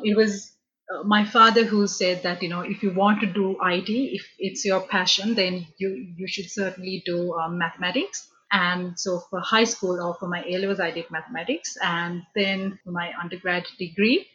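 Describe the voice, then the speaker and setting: A woman's voice: medium pitch, fairly bright tone, muffled recording. Thoughtful woman from Sri Lanka, interview guest. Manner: thoughtful, many fillers and restarts. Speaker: interview guest, business analyst. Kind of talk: conversational interview answers.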